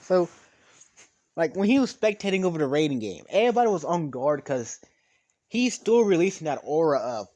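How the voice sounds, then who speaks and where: A man's voice: fairly high pitch, sing-song, normal speed, darkish tone. A man telling a fan story in casual talk, rambling with many restarts and fillers.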